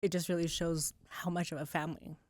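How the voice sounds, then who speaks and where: Heartfelt low-voiced woman guest. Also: level tone, fast, dry recording, studio quality. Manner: heartfelt, warm-spirited, emotionally open. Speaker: police community outreach coordinator, guest. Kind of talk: casual interview conversation. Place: podcast studio.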